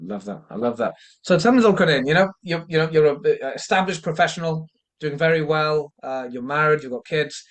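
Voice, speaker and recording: A man's voice: fairly high pitch, expressive, fairly quick. A man hosting an informal interview, asking long questions in a hesitant way and often repeating his phrases. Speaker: interviewer, coach.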